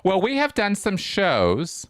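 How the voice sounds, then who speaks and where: A man with a high-sitting voice hosts a live call-in podcast at a slow pace. He chats casually and relaxed, rambling and often restarting his sentences.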